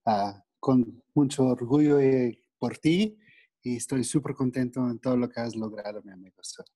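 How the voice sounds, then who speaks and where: A man's voice: mid-range voice, normal speed, dark tone, slightly rough, dry recording. A man from Texas speaking Spanish with English words mixed in, as a guest in a casual interview, tagging many sentences with "no?". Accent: Texan Spanish with English words. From Texas, United States. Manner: friendly, mixes English words, asks 'no?' often.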